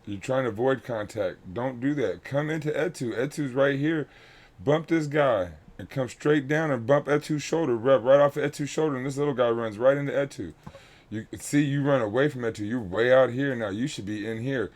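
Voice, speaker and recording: This coach has a medium-pitched, somewhat dark voice and moves at a moderate pace as he dissects game film for his youth basketball team. He's blunt, explains things clearly, and repeats what matters most.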